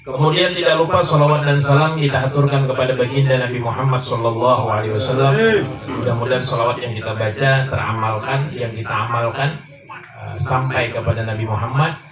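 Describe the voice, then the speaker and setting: A man preaching a sermon, telling a story that often climbs high and emphatic. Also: steady tone, a little fast, music in the background. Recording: echoey room, mic far off, faint noise.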